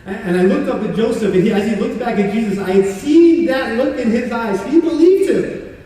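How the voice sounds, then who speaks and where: A man's voice: very high voice, animated, warm tone. A man playing a remorseful condemned criminal. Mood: awed confession. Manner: earnest, halting, repeats words. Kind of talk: dramatic church monologue. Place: large church sanctuary. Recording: echoey hall from far off.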